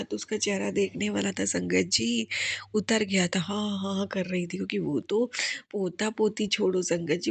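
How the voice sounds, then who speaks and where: A woman's voice: medium pitch, vocal fry, slightly rough, dry recording. A woman giving an earnest, tearful devotional testimony, pleading and repeatedly addressing the congregation.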